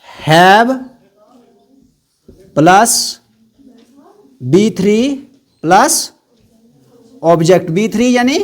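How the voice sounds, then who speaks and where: High-voiced male grammar teacher. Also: darkish tone. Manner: asks the class questions and repeats key words. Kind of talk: classroom teaching in Hindi.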